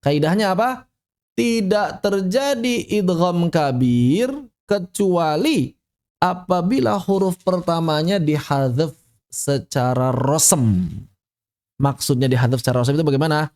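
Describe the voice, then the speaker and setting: A man's voice: fairly high pitch, measured pace, darkish tone. A man teaching Quran recitation rules in an online class, patiently repeating each rule and reciting examples. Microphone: online class audio.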